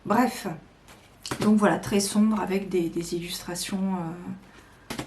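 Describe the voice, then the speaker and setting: A woman's voice: medium pitch, fairly even intonation, slow, a little mellow. A woman chatting casually to her viewers about her card decks, hesitant with many fillers and enthusiastic. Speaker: tarot and oracle card YouTuber. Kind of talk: casual chat to camera. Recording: echoey room with faint noise.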